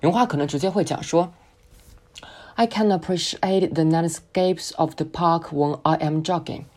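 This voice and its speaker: A woman whose first language is Chinese, teaching an English speaking lesson and slowly modelling words for the listener to repeat. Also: sits low, a little mellow. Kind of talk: spoken English pronunciation lesson.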